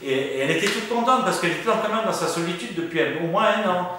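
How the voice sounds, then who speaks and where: A man recounts a story with lively, theatrical delivery, slipping into the voices of the people he quotes and peppering it with fillers. His voice sits a bit high for a man. The recording sounds very echoey, picked up from some distance away. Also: fast talker, a little hiss or hum. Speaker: medium telling ghost stories. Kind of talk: animated storytelling chat.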